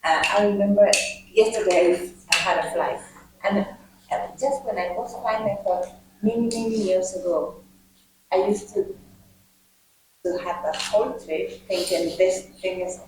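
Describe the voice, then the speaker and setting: A woman taking part in a casual group talk, speaking haltingly as she searches for her words. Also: mid-range voice, noisy background. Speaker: workshop participant. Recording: very echoey room, far from mic.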